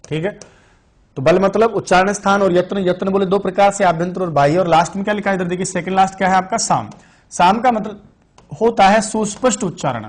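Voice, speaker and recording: Speaking fast in a high, steady voice, a man delivers an online exam-prep lecture on Sanskrit grammar. He poses his own questions, supplies the answers, and keeps repeating key terms.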